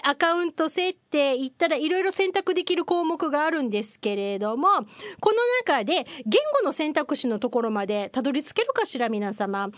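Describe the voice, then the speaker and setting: A podcast host with a high voice runs a casual news chat by herself, sounding chatty and wry. She blends formal, polite wording with offhand asides and hesitates often, and the recording is dry.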